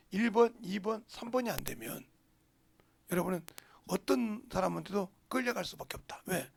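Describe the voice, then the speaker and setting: An older man preaching a sermon as pastor, forceful and blunt, jumping between loud outbursts and low murmurs. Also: gravelly, breathy edge. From South Korea. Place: church sanctuary.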